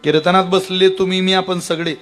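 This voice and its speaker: A man preaching a kirtan sermon, telling a story and acting out its characters with sudden loud outbursts. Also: sits high, level tone, fairly quick, faint music behind.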